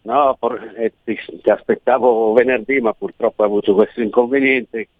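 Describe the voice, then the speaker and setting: A man's voice: medium pitch, fairly even intonation, moderate pace, dry recording. A man calling into a radio show over a phone line, chatting casually and hesitantly, with lots of fillers. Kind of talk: casual chat. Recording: tinny phone line, dry.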